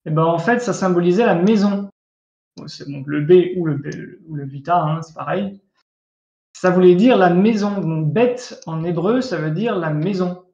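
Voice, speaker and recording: A man's voice: high voice, moderate pace, a little mellow. A man teaching a language class online over a video call, explaining patiently, repeating himself and often checking that students follow. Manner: patient, repetitive, often checks understanding with asides. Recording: echoey room, dull lo-fi sound.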